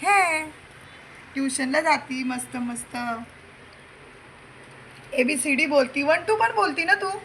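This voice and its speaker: A young woman talks to her daughter at home in a coaxing, playful way. Her voice sits high and bright, with some fry at the ends of phrases. It is a phone recording with a faint hiss underneath. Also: slow pace, long pauses, low-quality recording. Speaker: mother filming her daughter. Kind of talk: casual home chat with a child. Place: home indoors.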